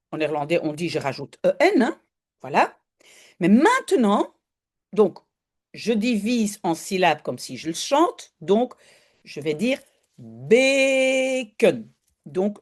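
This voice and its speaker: A woman's voice: medium pitch, a little mellow. A woman giving an online language lesson, patiently repeating and drawing out words to show their sounds. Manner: patient, repeats and stretches words slowly for pronunciation. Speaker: language teacher.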